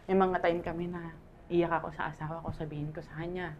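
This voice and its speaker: A woman's voice: fairly low pitch, little pitch movement, fast talker, dull audio, a little hiss or hum. A Filipino woman in her thirties, candidly sharing a painful personal testimony and laughing often as she talks.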